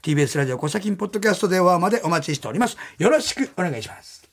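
Male podcast host, high animated voice, fast delivery, reads mail and banters. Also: vocal fry. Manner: lively, laughing, quick banter. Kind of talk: casual chat, reading listener mail.

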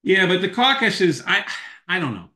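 A man's voice: sits high, sing-song, moderate pace, pushed and bright. A man in casual conversation, rambling a little and hesitant as he goes. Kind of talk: casual political chat.

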